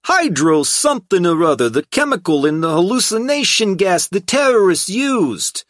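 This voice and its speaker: A man reading an audiobook voices a brash, sneering mob lawyer in a loud, high-pitched, dismissive tone. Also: big pitch swings, moderate pace, no room sound, clean studio sound. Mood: contemptuous.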